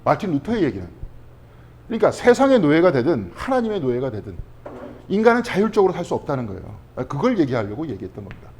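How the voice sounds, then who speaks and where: A male pastor leads a Bible study at a brisk clip, his voice rising and falling a great deal and sitting a little high for a man. He keeps firing questions at the class and answering them himself, with a chatty "right?" tucked in here and there. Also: huge pitch swings, darkish tone, slightly rough. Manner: conversational, checking in with frequent tag questions.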